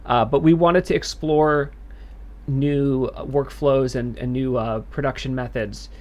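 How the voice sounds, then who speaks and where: Game developer, male, mid-pitched, measured and halting as he answers livestream questions. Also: fairly even intonation, a little mellow. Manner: thoughtful, halting explanations.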